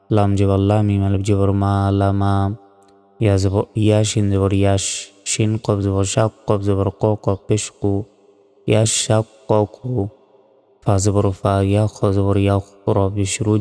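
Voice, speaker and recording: A man teaches Quran reading, spelling each letter carefully before chanting the verse slowly. His voice is low, mellow and smooth. It echoes with a long reverb over faint music. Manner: slow, careful letter-by-letter spelling with drawn-out recitation.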